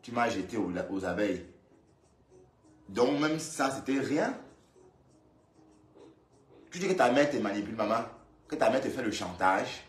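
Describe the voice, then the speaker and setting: A man from Cameroon commenting casually on a live video, in a middle-pitched voice. He talks in a lively, scolding way, repeating himself and speaking straight to the woman he reacts to. His voice bounces around a roomy, echoey space. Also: a little slow, pauses often, soft background music. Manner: lively, scolding and repetitive, addressing her directly. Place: indoors, in Brussels. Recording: roomy echo.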